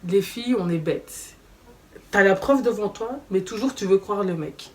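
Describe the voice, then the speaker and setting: A young woman telling a story in a casual vlog, animated and slangy, acting out quoted dialogue. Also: medium pitch, normal speed. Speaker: vlogger. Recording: slightly distant mic with faint background noise.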